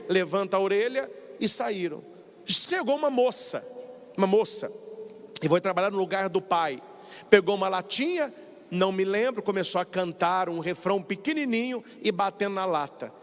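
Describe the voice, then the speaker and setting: Brazilian priest preaching, animated, does funny voices, big echoey church sound. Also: male voice, high-pitched. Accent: Brazilian Portuguese. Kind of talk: lively sermon. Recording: long reverb of a large hall.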